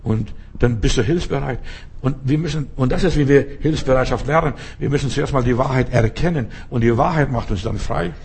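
A man's voice: mid-range voice, gravelly, a little mellow, breathy edge. A man preaching a sermon in a storytelling way, talking straight to his listeners and often asking whether they follow. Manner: storytelling, addresses listeners directly, frequent rhetorical questions.

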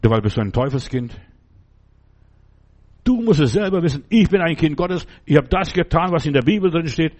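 A man's voice: a little high, lively intonation, moderate pace, long pauses, darkish tone. A man preaching a sermon, talking straight to the listener and asking again and again whether they understand. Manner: speaks to the listener directly with repeated questions; emphatic, fervent preaching.

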